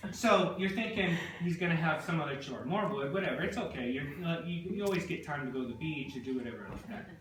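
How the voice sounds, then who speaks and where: A man's voice: on the high side, lively intonation, fast talker. A man in his forties telling a rambling, digressive comic story with many asides to a live audience. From British Columbia, Canada. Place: hall before an audience. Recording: echoey hall, distant mic, loud noise.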